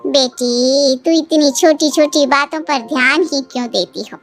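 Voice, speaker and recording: A woman doing a gentle mother in a cartoon story, calm and soothing as she gives advice. The voice stays very high, with faint music underneath. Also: unhurried. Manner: soothing, advising. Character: gentle mother giving advice to her daughter.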